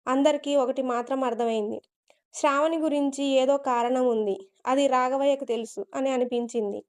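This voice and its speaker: A woman narrating a dramatic story in an expressive, steady way. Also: high voice, moderate pace, clear, resonant tone.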